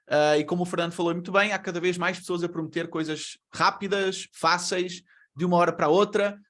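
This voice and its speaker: A steady, high-pitched, slightly bright male voice moves at a fairly quick pace. The man, Brazilian-born with a European Portuguese accent, presents online in a conversational style and throws out rhetorical questions.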